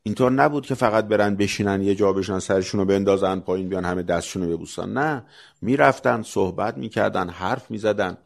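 A man giving a religious talk, piling up rhetorical questions and building to forceful emphasis. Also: lowish voice, creaky. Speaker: preacher.

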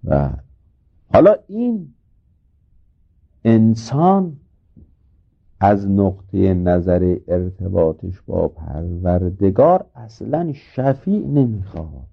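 A man giving an informal religious talk, retelling a scripture story in a casual, halting way with many filler words. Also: sits low, gravelly, husky. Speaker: religious speaker. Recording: tinny phone-like recording.

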